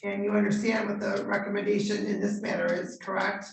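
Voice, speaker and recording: A woman judge conducting formal court proceedings in measured, procedural questions, heard on a courtroom recording. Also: mid-range voice, little pitch movement, gravelly, slight background noise. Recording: roomy courtroom audio from a distant mic.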